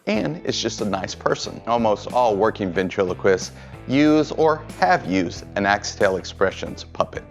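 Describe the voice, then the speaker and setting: A man hosting an instructional video, narrating from a script in plain, encouraging explainer style. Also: mid-range voice. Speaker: host of tutorial videos for performers.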